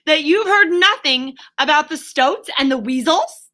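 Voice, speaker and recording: A woman's voice: high-pitched, expressive, pushed and bright, voice pushed up, full character voice. Woman playing a stern, exasperated water rat. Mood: agitated. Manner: scolding, emphatic, drawn-out key words. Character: stern, exasperated male water rat, Toad's loyal friend.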